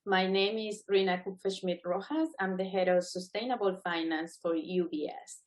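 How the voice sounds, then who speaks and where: A middle-aged Venezuelan woman, a native Spanish speaker, gives earnest, encouraging remarks as a guest speaker and adjudicating panel member at a webinar. The remarks are prepared but semi-spontaneous. Her medium-pitched voice has fairly even intonation at normal speed.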